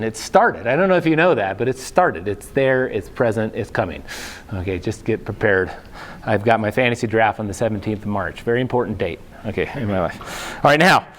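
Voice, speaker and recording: A man's voice: mid-range voice, slight background noise. A man giving a university lecture in a casual, chatty way, often checking in with the class and drifting into joking asides. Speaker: professor.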